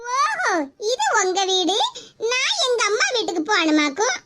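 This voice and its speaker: A voice actor playing a cunning young daughter-in-law in a cartoon, sly and teasing. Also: female voice, very high-pitched, huge pitch swings, full character voice. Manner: sly and teasing, drawn-out mocking words. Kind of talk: cartoon voice acting. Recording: loud background hiss.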